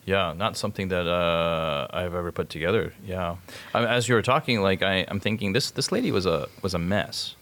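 A man's voice: low-pitched, moderate pace, fairly bright tone. A man leading a casual group Bible study, talking in a rambling way with many restarts.

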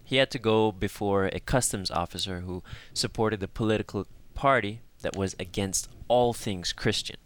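A man hosting a discussion show, telling a story in a calm, measured way and then talking with his guests. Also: lowish voice. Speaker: host. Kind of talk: scripted narration and discussion hosting.

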